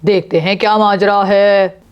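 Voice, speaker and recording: A woman voicing a calm, brave young father who speaks steadily and gives firm orders. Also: medium pitch, unhurried, smooth, dull audio, close to an everyday voice. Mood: steady. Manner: steady, commanding, reassuring.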